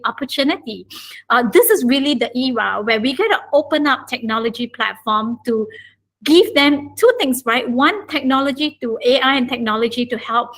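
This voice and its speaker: A woman's voice: on the high side, fairly bright tone. A woman moderating a panel, talking loosely with lots of "you know.". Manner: many "you know" fillers. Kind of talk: casual panel talk.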